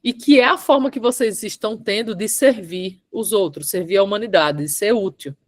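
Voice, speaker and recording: A woman's voice: mid-range voice, dry recording. A woman teaching a public speaking workshop over a video call, stretching out stressed syllables and often checking in with her listeners. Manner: emphatic, drawn-out stressed syllables, frequent "tá?" and "certo?" checks. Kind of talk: online workshop lesson.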